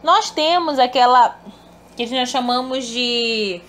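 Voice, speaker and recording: A woman teacher slowly and patiently walks her pupils through a recorded online lesson, calling them by fond names as she explains. She has a fairly high, slightly bright voice.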